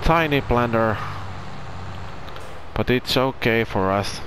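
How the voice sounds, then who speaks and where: Against a noisy background, a gaming channel host from Finland talks over farming gameplay in a mid-range, animated but slow voice. He speaks English as a non-native with a Finnish accent, keeping it casual while groping for the right words.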